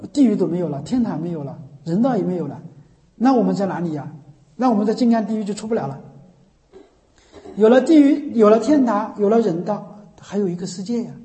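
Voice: medium pitch, warm tone. A Buddhist teacher giving a Pure Land sermon to a gathering, talking conversationally and often asking the listeners rhetorical questions. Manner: conversational preaching, keeps asking rhetorical "isn't it?". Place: meeting hall with an assembled audience. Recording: long hall reverb.

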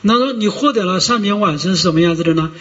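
High-voiced monk preaching in a hall. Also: male voice, a bit bright. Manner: discursive, many drawn-out "ah" fillers and rhetorical "you know?" checks. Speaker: Buddhist monk. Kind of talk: Buddhist sermon. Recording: dull lo-fi recording with long hall reverb.

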